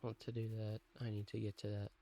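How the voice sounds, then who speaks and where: Male let's-play host, low and creaky, casual and quiet, musing to himself over faint background noise. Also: completely flat delivery, brisk. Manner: thinking aloud. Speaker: gameplay host.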